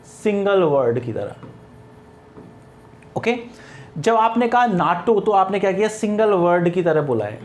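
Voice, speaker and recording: High-voiced male grammar teacher. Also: very animated, unhurried, pauses often, darkish tone, a little hiss or hum. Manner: explains step by step, often asks and answers his own questions; mixes English terms into Hindi. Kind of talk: Hindi-language grammar lesson.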